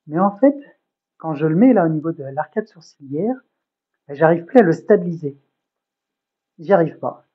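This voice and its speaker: A man's voice: on the high side, lively intonation, moderate pace, long pauses, husky. A man running a hands-on demonstration as a trainer, explaining it hesitantly, step by step. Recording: tinny phone-like sound.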